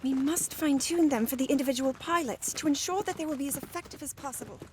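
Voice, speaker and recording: An actress playing an earnest, dutiful young princess in a video game, formal and anxious. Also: female voice, high-pitched, quick pace, slight background noise, close to an everyday voice. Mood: studious. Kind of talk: video game cutscene acting. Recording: loud music over the voice.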